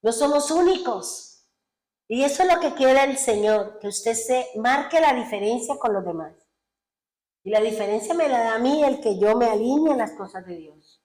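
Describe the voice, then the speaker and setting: A woman's voice: a little high, lively intonation, normal speed, a little mellow. Woman pastor preaching in an echoey room. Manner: earnest preaching with exhortations and retold conversations. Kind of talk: sermon.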